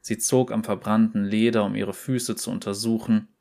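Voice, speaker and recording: A man narrating a short story in a slow, deliberate, measured reading. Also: lowish voice, level tone, creaky, darkish tone.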